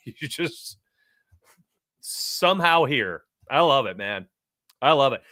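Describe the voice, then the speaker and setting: A forty-year-old New Yorker hosts a sports betting stream, casually and energetically chatting and addressing his chat directly. His mid-range voice moves slowly, in a dry recording with clean studio sound.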